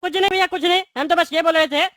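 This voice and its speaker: A woman's voice: very high voice, fairly even intonation, very fast, a bit bright, a little hiss or hum. A woman voicing a bald, cowardly, boastful male politician who blusters and then grovels. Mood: grovelling. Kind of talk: cartoon voice acting.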